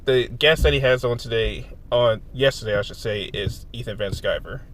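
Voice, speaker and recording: A man's voice: mid-range voice, normal speed, a bit bright, a little hiss or hum. A man hosting a livestream in a casual, teasing, laugh-prone chat style. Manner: teasing banter with frequent laughter. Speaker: livestream host. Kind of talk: casual reaction stream chat.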